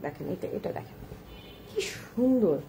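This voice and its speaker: A woman's voice: medium pitch, lively intonation, normal speed, creaky, dark tone, slight background noise. A woman showing shawls on a live stream, chatty, repeating herself and urging viewers to look closely, slipping English words into her speech. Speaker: online shawl seller. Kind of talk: live-stream product showcase.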